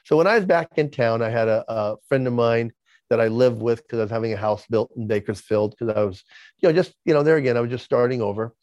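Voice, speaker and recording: A podcast guest in his sixties, with a noticeable lisp, tells his story at length in an interview, stumbling over his first words and repeating them as he starts sentences before finding his thread. He speaks fast with a darkish tone. The recording is dry and slightly muffled, with little high end.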